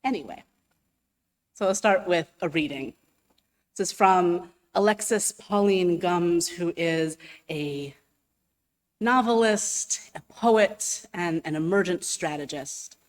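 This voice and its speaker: A woman giving a sermon as a guest speaker, in an unhurried, self-deprecating way, and reading a passage aloud to the congregation. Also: lowish voice, big-room sound. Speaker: guest speaker and minister candidate.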